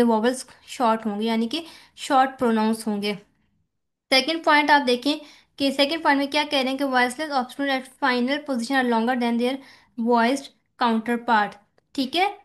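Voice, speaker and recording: A woman teacher explaining slides in a lecture, dropping English terms into her talk and posing questions that she answers herself. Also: high voice. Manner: repeats "theek hai" as a check-in.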